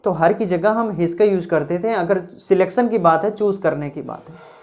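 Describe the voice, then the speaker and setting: A woman teaching English grammar, explaining rules patiently and reading example sentences slowly and clearly. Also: fairly low pitch, darkish tone. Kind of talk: classroom grammar lecture.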